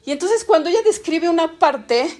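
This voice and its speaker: A woman's voice: very high voice, expressive, normal speed, a little mellow. A middle-aged woman preaching a sermon as a prophet, emphatic and repetitive, stacking up lists and laughing at herself.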